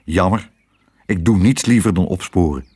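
A man's voice: low voice, moderate pace, a little mellow, breathy edge, pitched below the performer's own voice. A man voicing a stern, pompous male police dog who talks in formal, officious language in a storybook reading. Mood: pleading. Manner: formal, officious bureaucratic speech.

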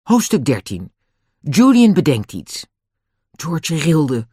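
A narrator reading a children's audiobook in an expressive storytelling manner. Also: medium pitch, slow pace, breathy edge, no echo, clean studio sound.

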